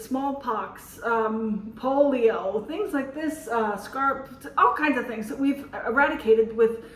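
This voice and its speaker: Far from the mic in a roomy space, a high-voiced woman from the United States, a teacher and vlogger, chats and tells stories in a rambling monologue full of fillers and restarts. The recording quality is low.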